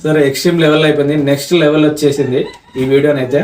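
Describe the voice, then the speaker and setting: Brief: teasing prank-video host, a man with a Telangana Telugu accent, mid pitch, recorded from afar in a roomy space. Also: little pitch movement, rapid-fire, a little mellow, distant mic. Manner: chatty, teasing, addresses viewers. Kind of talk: casual vlog talk.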